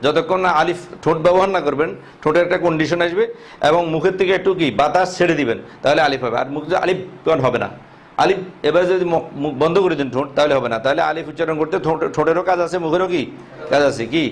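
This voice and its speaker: Racing through his lesson in a voice on the high side, a male Quran teacher shows how Arabic letters are pronounced. He asks his own questions, answers them, and stretches out the sound of every letter.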